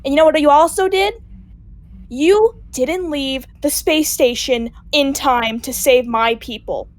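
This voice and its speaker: A woman's voice: sits high, unhurried. A woman voicing a bitter, grieving young princess who argues with sarcasm and blame, in a Minecraft roleplay. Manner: sarcastic, accusing, mocking. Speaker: roleplay actor.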